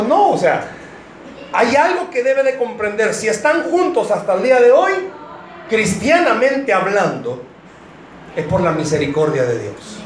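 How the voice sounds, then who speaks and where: High-voiced joking pastor. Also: male voice. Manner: joking, addresses the congregation directly. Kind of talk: sermon to married couples. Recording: roomy hall, faint noise.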